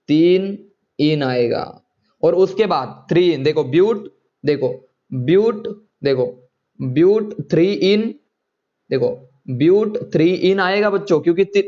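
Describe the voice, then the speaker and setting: A man's voice: a little high, a little mellow, lo-fi sound. A man teaching chemistry in an online class, coaxing students and checking often whether they follow.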